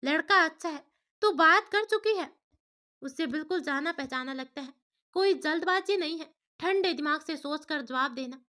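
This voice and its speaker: Woman voicing a gentle brother figure in a storybook, reassuring and patient. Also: sits high, moderate pace. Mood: coaxing. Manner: coaxing, reassuring. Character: kindly adult man, gently persuasive elder brother.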